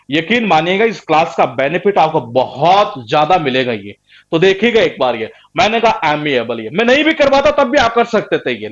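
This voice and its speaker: High-voiced man teaching vocabulary. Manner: repetitive, asks rhetorical questions, tags lines with "ye". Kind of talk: online class lecture. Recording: dull lo-fi sound.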